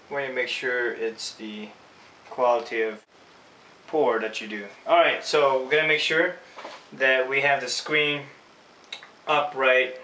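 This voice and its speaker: A man with a Filipino accent and a bright, forceful, medium-pitched voice teaches screen printing in an informal, hands-on tutorial, casually narrating each step as he works. The recording has an echoey room, a distant mic and faint noise.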